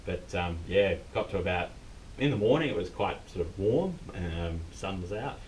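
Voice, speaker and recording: Male Australian cave tour guide, low register, casual and explanatory, recorded at a distance with some rumbling noise. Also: animated, moderate pace, darkish tone. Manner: informal, unscripted explaining. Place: inside a limestone cave. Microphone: distant camera mic.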